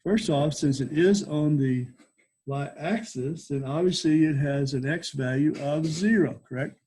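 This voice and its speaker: Informal male teacher with a slightly husky voice. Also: a little high, measured pace, dark tone. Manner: informal, frequent check-in tags like okay and all right. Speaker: geometry teacher. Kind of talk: recorded classroom-style lesson, explaining.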